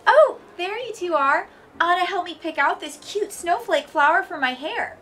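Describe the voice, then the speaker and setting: A woman's voice: very high voice, expressive, moderate pace, pushed and bright, a little hiss or hum, heavily acted. A woman playing a cheerful, chatty princess out shopping with friends in a live-action play-acting skit. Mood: cheery.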